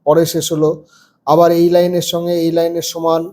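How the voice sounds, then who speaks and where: A man's voice: on the high side, monotone, fairly quick, darkish tone. Man, primary school teacher, patient, spells letter by letter, textbook lesson. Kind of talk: textbook lesson for young children.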